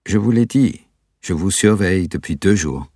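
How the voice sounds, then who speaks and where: Guy doing a jumpy paranoid young man, cagey, deep husky and dry. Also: expressive, normal speed, dark tone, dry recording. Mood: insistent. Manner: guarded, hesitant, tense. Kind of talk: audiobook character voice.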